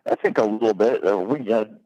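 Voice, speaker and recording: Young male guest, tired, modest, with a deep voice over a dry line. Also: a little fast, warm tone, no room sound, highs cut off. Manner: modest, thoughtful answers. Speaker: guest race car driver. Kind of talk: phone interview.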